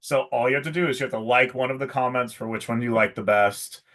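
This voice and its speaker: A man's voice: mid-range voice, fairly even intonation, fast, fairly bright tone. Chatty man hosting a live stream. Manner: chatty, salesy, many fillers. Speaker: pro shop host. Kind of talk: casual live stream chat.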